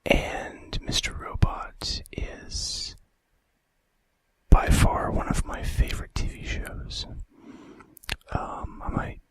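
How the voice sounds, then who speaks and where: Slowly and with long pauses, a man whispers facts into a close microphone, his voice breathy and gentle in ASMR-host style, slipping in casual, hesitant asides.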